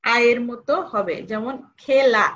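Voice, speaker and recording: A woman's voice: on the high side, unhurried, fairly bright tone, muffled recording. A woman college lecturer giving a recorded lesson, repeating each rule and asking students questions.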